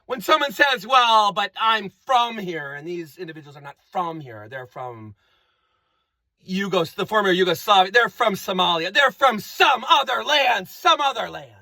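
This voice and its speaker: A man with a high, lively voice rambles through a comic monologue, looping back on phrases and twisting words for fun. The delivery is bright and the recording is dry and close. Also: moderate pace, vocal fry, no echo. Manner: rambling, repetitive, playful wordplay.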